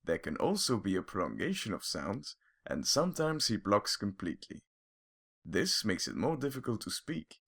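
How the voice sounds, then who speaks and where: Low gravelly man narrating an explainer. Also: normal speed. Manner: calm, clear, explaining step by step.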